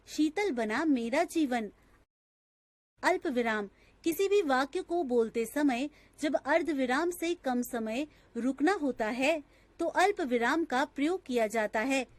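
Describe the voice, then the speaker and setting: A woman narrating a scripted grammar lesson in a slow, measured, textbook-style reading. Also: high-pitched, dry recording.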